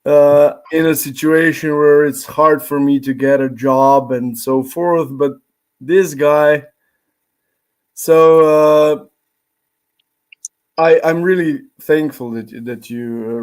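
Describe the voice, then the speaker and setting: A man with a Slovenian accent, a native Slovene speaker, hosting a live-streamed interview over a video call. He speaks haltingly, with frequent pauses and fillers. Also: medium pitch, steady tone, smooth. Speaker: podcast host.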